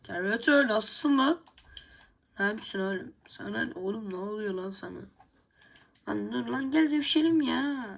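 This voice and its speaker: A woman's voice: on the high side, expressive, normal speed, vocal fry. A woman hosting a casual let's play video, talking in a blunt, slangy and teasing way. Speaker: gaming video host.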